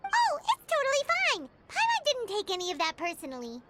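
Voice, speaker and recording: A woman's voice: very high voice, huge pitch swings, normal speed, heavy background noise, full character voice. A woman voicing a tiny, chirpy floating companion creature in a video game, teasing and blunt. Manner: speaks of herself in third person, teasing.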